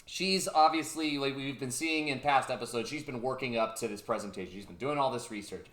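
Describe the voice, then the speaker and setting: A man's voice: medium pitch, brisk, a bit bright. A young man hosting a podcast, casually retelling an episode with loose, profane energy and acting out the characters' lines. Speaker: podcast host. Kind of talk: casual chat, animated retelling. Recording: echoey room.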